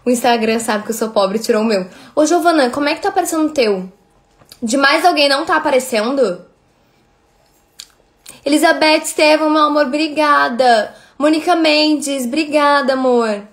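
A woman's voice: sits high, moderate pace. Chatty Brazilian woman streaming live. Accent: Brazilian Portuguese. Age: 30s. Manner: chatty, thanks viewers by name, mixes in Spanish. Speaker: livestream host. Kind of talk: casual livestream chat.

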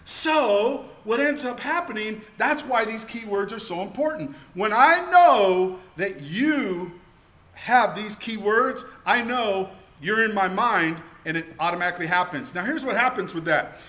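Speaking at a measured pace in a high-sitting voice, a man in his forties delivers a keynote-style seminar in a meeting room. He's energetic and emphatic, asking many rhetorical questions, and wears a lapel mic.

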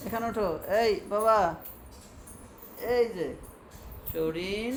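A woman's voice: medium pitch, takes it slowly, faint music behind. A woman talking casually with her toddler at home, coaxing, soothing and repeating herself. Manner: coaxing, repetitive, soothing baby talk. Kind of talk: casual home talk with a small child. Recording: noisy home recording.

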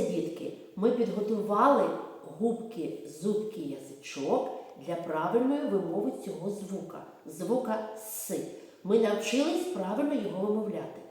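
A woman with a Ukrainian accent leads a preschool speech lesson, drawing out every sound at a slow, careful pace. Her fairly high voice swoops up and down in a lively way. She is recorded from away from the mic in a very echoey room with a long reverb tail. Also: recorded from a distance. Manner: slow, clearly articulated, repeats sounds for children to echo. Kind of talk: video lesson for young children.

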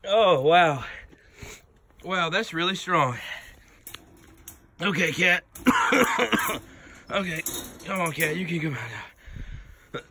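A man's voice: high voice, expressive, slow, pauses often. Gasping, coughing man at night. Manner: strained, gasping exclamations. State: coughing, gagging from skunk spray. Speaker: vlogger. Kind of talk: panicked live commentary while filming. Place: outdoors at a barn at night. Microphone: phone camera swinging about. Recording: noisy outdoor phone recording.

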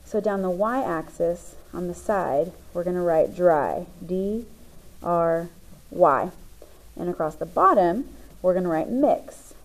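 In this poorly recorded classroom lesson, a female teacher with a fairly low voice explains the components of a graph slowly and with animation. She goes step by step, patiently jotting down notes along the way.

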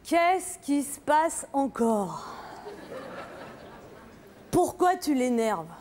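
A woman's voice: high-pitched, big pitch swings, drawn-out words, darkish tone, in a large hall, a little hiss or hum, pitched below the performer's own voice, full character voice. A comedienne playing a sleepy, grumbling father who passes the buck, in a stage sketch. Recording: live TV stage, audience laughter.

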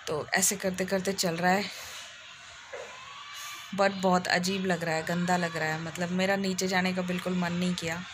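A woman's voice: lowish voice, flat delivery, normal speed, noisy background. A woman narrating her day in a casual home vlog, telling it in a chatty, rambling way. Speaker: vlogger.

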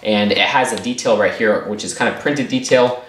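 A man's voice: on the low side, moderate pace, a bit bright. A man giving a casual, upbeat toy set review, rambling with lots of fillers and small restarts. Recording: roomy echo.

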